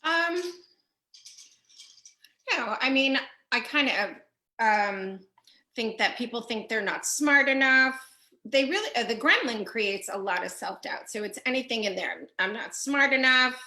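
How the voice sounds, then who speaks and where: A woman's voice: on the high side, expressive, a little slow, bright, forceful tone. A woman co-hosting a coaching livestream, chatting in a playful, jokey way. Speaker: co-host, life coach. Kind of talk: casual livestream chat. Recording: roomy echo.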